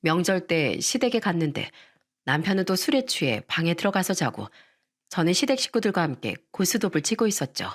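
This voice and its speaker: A woman narrating a scripted story in the first person, in a polite, steady and wistful way. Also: fairly low pitch, fairly quick.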